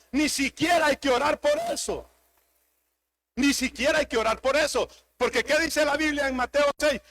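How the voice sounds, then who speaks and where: A pastor preaching a sermon, driving points home with emphatic repetition. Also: male voice, very high voice, fairly bright tone.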